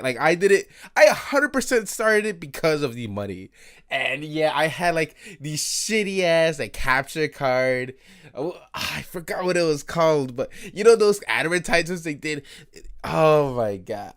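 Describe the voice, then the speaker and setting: Young man rambling in a late-night podcast. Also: a little high. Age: 20s. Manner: rambling, self-critical, swears, frequent fillers and laughs. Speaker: podcast host.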